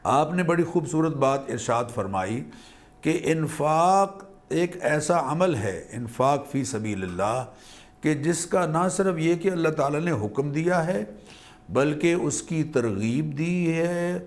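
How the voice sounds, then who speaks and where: A man, a religious scholar on a TV program, explaining scripture in a measured, learned manner and weaving in Arabic quotations. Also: a little high, expressive.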